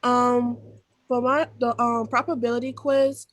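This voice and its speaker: A woman student asking her teacher about a quiz in a quiet, tentative way. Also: on the high side, little pitch movement, measured pace, no echo. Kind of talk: casual question to teacher.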